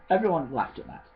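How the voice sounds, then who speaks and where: Casting: a man who tells a story casually, stumbling and restarting, with a lively, swinging pitch, on a dull lo-fi recording. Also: slight background noise. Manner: halting, with many restarts and self-corrections.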